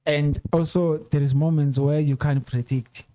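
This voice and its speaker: A man's voice: fairly high pitch, steady tone, moderate pace, mellow, dry recording. A man hosting a casual chat show, asking questions in an easygoing, conversational way with plenty of fillers. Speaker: host.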